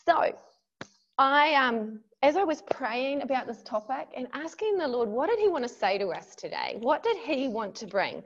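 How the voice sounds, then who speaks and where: A woman leading a devotional workshop on a video call, reading scripture and retelling it in an earnest, vivid way. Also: fairly high pitch. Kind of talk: devotional talk with Bible reading. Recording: dull lo-fi call audio.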